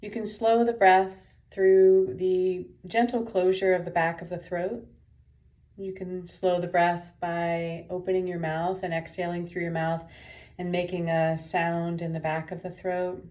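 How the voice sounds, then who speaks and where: Leading a guided meditation, this woman speaks in a fairly low voice with a flat delivery, giving soft, unhurried directions with pauses between them.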